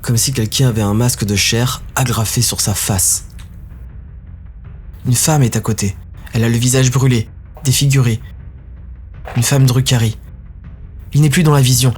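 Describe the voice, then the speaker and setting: A man narrating a dark science-fiction audio story in a grave, intense manner. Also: mid-range voice, steady tone, normal speed, pauses often, soft background music.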